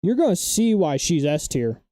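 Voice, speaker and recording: A young man chatting casually on a live stream, rambling and excitable, loudly defending his opinions. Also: fairly high pitch, normal speed, dry recording, studio quality.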